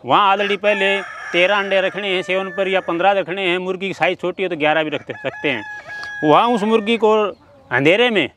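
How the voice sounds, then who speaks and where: A middle-aged man who raises poultry gives an outdoor interview on his farm, earnestly walking through his work step by step as chickens cluck and crow around him. He speaks fairly fast in a high, somewhat bright voice, recorded on a handheld mic at mid distance with a little hiss or hum.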